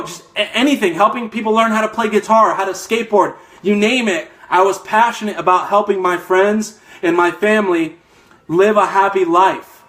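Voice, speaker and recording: Fired-up man coaching, high voice. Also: fairly bright tone. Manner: fired-up, emphatic, repeats "okay?". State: out of breath. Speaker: network marketing coach. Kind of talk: motivational live stream talk.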